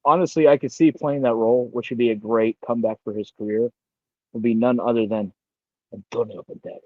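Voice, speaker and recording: A man co-hosting a casual podcast, relaxed, laughing often and taking his time to get to the point. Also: mid-range voice, a little fast, dry recording. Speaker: podcast co-host. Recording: dull lo-fi mic.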